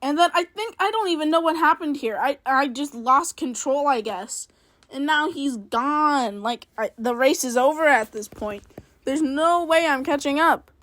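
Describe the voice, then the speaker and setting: A woman's voice: high voice, animated, normal speed, fairly bright tone, dry recording. A woman giving casual play-by-play commentary on her own racing game, rambling and self-critical, with many fillers. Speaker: gaming video creator.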